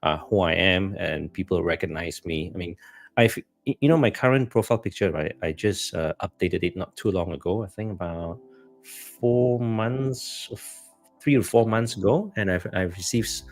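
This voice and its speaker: A man's voice: sits low, moderate pace, soft background music. A man with a Malaysian accent co-hosting a casual live chat, talking in a hesitant, rambling way. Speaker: co-host of a live stream.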